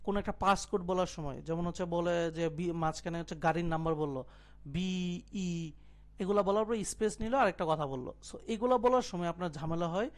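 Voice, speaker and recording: A man's voice: high voice, fast talker, few pauses. A young man teaching an IELTS listening lesson in an online class, explaining step by step, mixing in English terms and checking that his students follow. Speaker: IELTS tutor. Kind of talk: live online class lecture.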